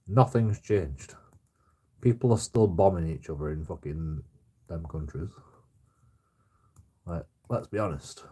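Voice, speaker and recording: A Bradford man in his forties, from West Yorkshire, hosts a livestream and rants casually about his opinions. His low, dark, slightly rough voice is unhurried and full of pauses. He's blunt and sweary, repeats himself, and keeps tacking "you know" onto his sentences.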